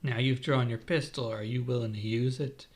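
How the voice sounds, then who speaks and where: A man voicing a calm, cool-headed adult pirate captain, speaking slowly. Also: natural voice. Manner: calm, slow, low.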